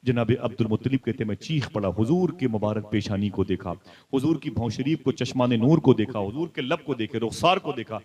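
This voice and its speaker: A male preacher delivers an impassioned religious sermon in a storytelling style. He drops into soft asides, then rises to loud, high exclaims, and keeps turning to his listeners with direct questions. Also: brisk.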